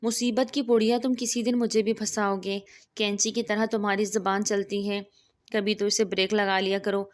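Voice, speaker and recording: A woman's voice: mid-range voice, little pitch movement, lightly acted. A woman reading the lines of an exasperated young woman scolding a prankster in a storybook. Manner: scolding, sharp-tongued.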